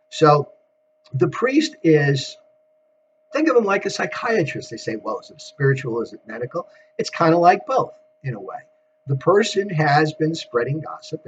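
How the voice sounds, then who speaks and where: Rabbi, male, relaxed talky weekly sermon; dull home recording with a light hum. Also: fairly high pitch. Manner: conversational, asks rhetorical questions.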